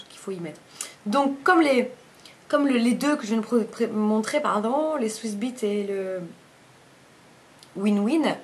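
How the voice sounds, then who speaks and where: Chatty woman. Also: a little high. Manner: chatty, rambling, often corrects herself mid-sentence. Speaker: beauty vlogger. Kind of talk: casual makeup review chat.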